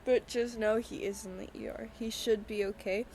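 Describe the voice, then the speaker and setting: A young woman talking through tears on her own podcast, halting and apologizing often. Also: mid-range voice, fairly even intonation, dark tone, slight background noise, poor audio. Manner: halting, apologetic, tearful with many pauses. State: crying. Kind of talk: personal podcast monologue.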